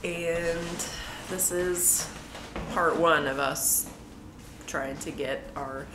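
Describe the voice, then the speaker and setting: A woman chats playfully on a home vlog, talking at a slow, unhurried pace. Her low voice echoes in a roomy apartment. Steady background noise sits under her speech. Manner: playful, joking. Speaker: vlog co-host. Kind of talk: casual vlog chat.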